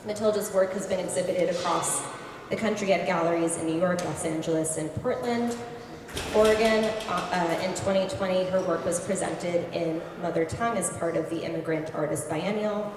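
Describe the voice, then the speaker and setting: Woman host in an echoey gallery. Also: fairly low pitch. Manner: measured, with fillers and small restarts. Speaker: museum host introducing artists. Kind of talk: reading prepared introductions. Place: large museum gallery. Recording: echoey gallery with long reverb and noise.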